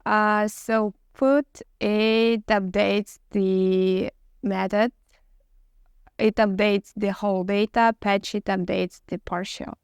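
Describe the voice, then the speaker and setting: Nervous, formal woman interviewee with creaky voice. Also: mid-range voice, little pitch movement, slow pace, no echo, clean studio sound. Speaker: job interview candidate. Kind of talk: mock technical job interview answers.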